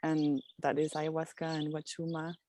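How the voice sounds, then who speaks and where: Flat-voiced Swiss woman outdoors. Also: deep voice, a little hiss or hum. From Switzerland. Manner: soft, reflective, halting with restarts. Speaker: guest. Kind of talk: casual interview chat. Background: birdsong.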